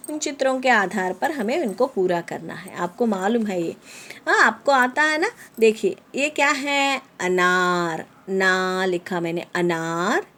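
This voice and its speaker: A woman teaching a lesson to children, repeating each word slowly, explaining it in English and often asking if they understand. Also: a little high. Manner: slow, repeating words and explaining them in English.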